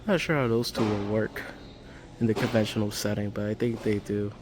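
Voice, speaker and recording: A man speaking a little fast, in a fairly low voice with a steady tone, gives casual vlog commentary as he moves through a large warehouse store. His handheld phone or camera captures clear ambient store sound.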